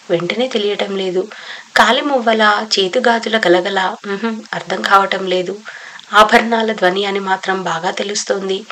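A woman narrating a novel as an audiobook, with steady, even storytelling. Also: mid-range voice, rough recording.

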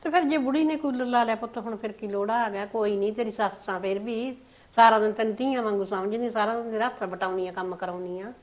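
A woman's voice: fairly high pitch, fast talker, darkish tone. An older woman playing a mistreated mother-in-law in a family drama, with a plaintive, weepy way of complaining. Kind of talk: amateur family drama acting.

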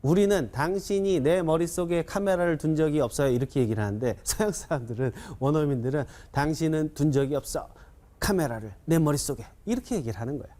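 A man teaching an English writing lesson, quizzing viewers with questions and leading slow repetition drills. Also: a little high. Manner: animated, coaxing, keeps asking students questions; repeats drills slowly, counts learners in. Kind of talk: classroom-style video lecture.

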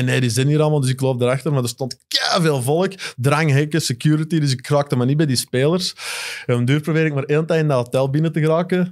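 A man with a Flemish accent telling a funny anecdote as a guest on a casual talk show, laughing often. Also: mid-range voice. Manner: lively storyteller, laughs often.

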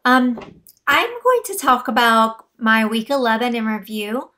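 A woman vlogger, a bit hoarse, giving a chatty, rambling weight-loss update full of fillers and restarts. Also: fairly high pitch, expressive, unhurried, bright, forceful tone.

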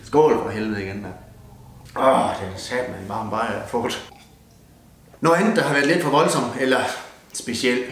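A man's voice: mid-range voice, reverberant. A young man with a Jutlandic Danish accent ranting crudely and bluntly through a mock New Year's speech, cursing constantly and raising his beer. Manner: swears constantly, blunt and rowdy, toasts with a beer. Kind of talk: crude comic rant.

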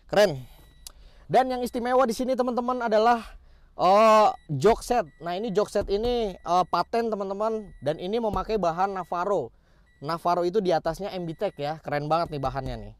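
A man's voice: sits high, a little fast, no echo. A man giving a casual, enthusiastic walkaround of a modified car, showing off each upgrade and repeating his praise. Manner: enthusiastic, repeats "keren banget nih" and "teman-teman". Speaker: car workshop vlogger.

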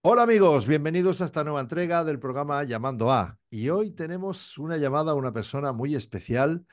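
A man's voice: fairly high pitch, brisk. Chatty middle-aged male host on a video call. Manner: chatty and animated, joking, long run-on questions. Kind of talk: casual video-call interview. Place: home office with framed posters.

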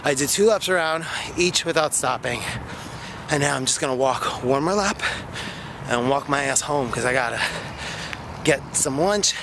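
A man in his thirties vlogs while walking along an outdoor park path, talking to a phone held at arm's length. He's chatty and rambling, out of breath and full of fillers, with a gravelly, medium-pitched voice, lively intonation and a moderate pace. The phone recording is noisy.

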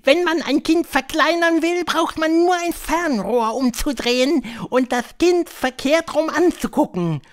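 A man reading an audiobook, voicing an imperious female witch leader who lectures in a shrill, drawn-out way. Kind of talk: audiobook character voice.

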